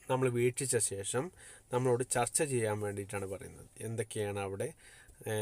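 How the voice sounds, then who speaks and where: A man from Kerala teaching a primary school Arabic class online. He reads textbook phrases slowly, then explains them and asks questions that he answers himself. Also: mid-range voice, no room sound. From Kerala, India.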